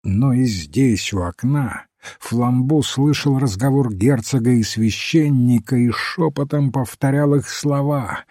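Slow, husky male narrator. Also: medium pitch, mellow, no echo, studio quality. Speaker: audiobook reader. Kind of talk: scripted narration of a detective story.

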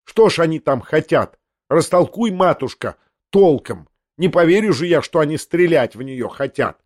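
Bossy, impatient lady of the house in an audiobook, a man doing the voice, sharp-tongued, pitched up. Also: expressive, normal speed, dry recording, clean studio sound. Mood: scolding. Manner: scolding, commanding. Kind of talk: audiobook character voice.

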